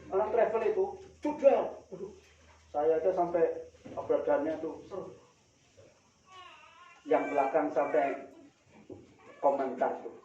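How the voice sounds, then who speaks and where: A man's voice: high voice, warm tone. A man giving a monthly religious study talk, telling anecdotes with quoted dialogue and chuckling as he addresses the audience directly. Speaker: preacher. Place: hall of a religious gathering. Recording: distant, echoey, dull lo-fi room recording.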